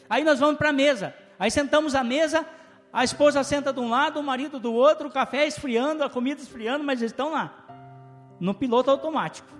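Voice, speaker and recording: A man's voice: extremely high pitch, in a large hall. A man with a Brazilian Portuguese accent preaching a sermon in a church, full of rhetorical questions and call-and-response with his listeners. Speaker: pastor. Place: church hall.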